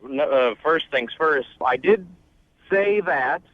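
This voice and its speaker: A man on a dull, muffled phone line, his voice a bit higher than usual for a man. He stammers through defensive excuses and keeps backpedaling. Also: lively intonation, slow pace, background noise. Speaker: caller.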